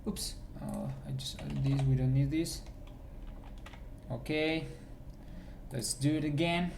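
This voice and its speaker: A man's voice: on the high side, slow, vocal fry, a little mellow, slight background noise. A man teaching programming in a screencast, thinking aloud as he types and often restarting his sentences. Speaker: programming instructor. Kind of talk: screencast coding tutorial. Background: keyboard typing.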